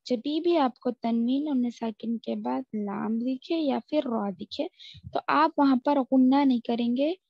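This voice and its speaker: A woman teaching a tajweed lesson, explaining rules quickly and then drawing out recited Arabic examples very slowly. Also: on the high side, vocal fry, no room sound. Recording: dry, dull lo-fi audio.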